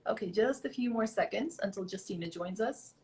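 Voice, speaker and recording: A woman's voice: medium pitch, brisk, darkish tone. A woman hosting a live online interview, friendly and upbeat, chatting casually while waiting for her guest. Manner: friendly, upbeat, fills waiting time with small talk. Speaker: podcast host. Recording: echoey room with faint background noise.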